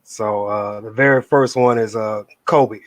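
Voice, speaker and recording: A man's voice: lowish voice, steady tone, measured pace, no echo. A man hosting a casual live interview, talking in a laid-back, slang-heavy way. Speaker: interview host.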